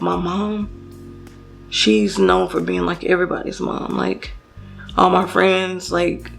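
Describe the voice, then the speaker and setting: Young woman vlogger, gravelly fry, rambling storytime over faint music. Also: mid-range voice. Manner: casual, chatty, many fillers and restarts, addresses viewers directly. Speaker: beauty vlogger. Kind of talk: storytime while doing makeup.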